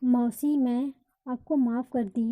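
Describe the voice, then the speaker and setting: A woman voicing a gentle, forgiving young woman who speaks softly and consolingly. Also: fairly high pitch, fairly even intonation, slow, phone-quality sound.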